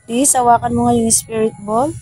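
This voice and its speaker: A woman with a fairly high voice hosts a casual ghost-hunting vlog. She coaxes and pleads softly with unseen spirits while investigating outdoors at night. Faint music plays underneath. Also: flat delivery, normal speed. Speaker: paranormal investigator vlogger. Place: outdoors at a bus depot at night.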